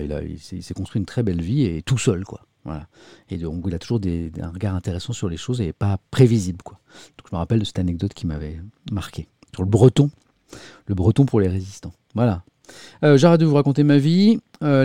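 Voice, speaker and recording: A man's voice: fairly low pitch, dark tone, dry recording, clean studio sound. A man hosting a live stream in a chatty way, thinking aloud and poking fun at himself. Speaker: live-stream host reading the press. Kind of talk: casual live-stream chat.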